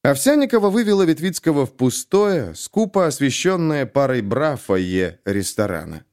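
A man narrating an audiobook with expressive storytelling. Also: mid-range voice, normal speed.

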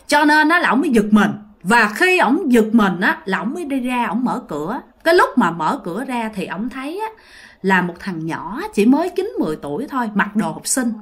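A woman storyteller narrates a ghost story in a chatty, casual way, turning to her listeners often. Her voice is high, with a lively, swooping pitch. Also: brisk, husky. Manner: chatty, addresses listeners as "các bạn".

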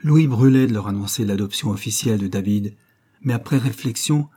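A man reading a novel aloud as an audiobook narrator, steady and measured. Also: lowish voice, husky. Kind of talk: scripted narration.

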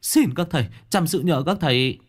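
A man's voice: on the high side, expressive, normal speed, pitched above the performer's own voice. A man voicing a panicked middle-aged father who stammers and begs for help. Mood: pleading. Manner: frantic, stammering, pleading.

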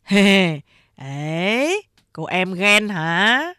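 A woman's voice: medium pitch, big pitch swings, drawn-out words, sharp tone, dry recording, clean studio sound, exaggerated voice. A woman voicing a crude, bullying gang boss man who threatens and swears. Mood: mocking. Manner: gruff, bullying.

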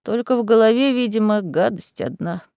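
A woman voicing a drunk, hiccuping middle-aged town mayor who talks slowly and slurs. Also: on the high side, vocal fry, mellow, clean tone, no echo, studio quality. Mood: drunken. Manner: slurred, slow drunken speech.

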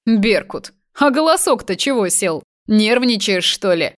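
A man's voice: high voice, sing-song, unhurried, a bit bright, exaggerated voice. A woman reading the part of a cruel, vengeful male kidnapper who taunts and gloats. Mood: mocking. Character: vengeful cruel young man kidnapper, mocking.

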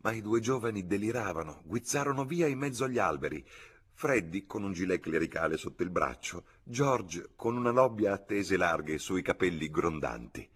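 Deep husky-voiced male audiobook narrator. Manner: measured, expressive reading. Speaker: audiobook reader.

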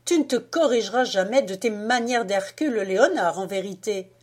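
Brief: a woman voicing a proud, irritated young woman, indignant and sharp, in an audiobook. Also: mid-range voice, animated, normal speed, natural voice. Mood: vexed. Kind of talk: audiobook dialogue reading.

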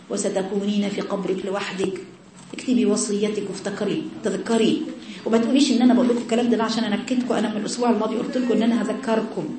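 A woman's voice: mid-range voice, dark tone, reverberant, a little hiss or hum. A woman with an Egyptian Arabic accent giving a religious lesson to women, exhorting her listeners with repeated rhetorical questions. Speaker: religious teacher.

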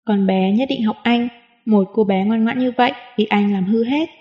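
A woman's voice: on the high side, normal speed, close to an everyday voice. Woman reading a wry, wary young woman. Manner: wry, mock-earnest. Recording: dull lo-fi audio with long reverb.

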